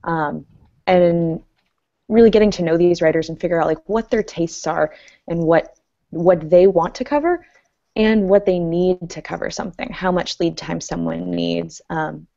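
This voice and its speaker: A woman's voice: lowish voice, moderate pace, vocal fry, warm tone. A woman who works as a music publicist, explaining her job in a casual podcast chat, thoughtful and detailed. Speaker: music publicist and record label owner. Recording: muffled lo-fi sound.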